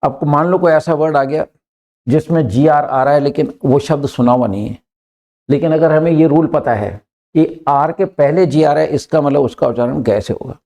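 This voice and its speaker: Mellow-voiced man teaching pronunciation. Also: a little high, moderate pace. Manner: patient, repeats key points, checks in with "clear?" and "right?". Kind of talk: explanatory lesson mixing Hindi and English.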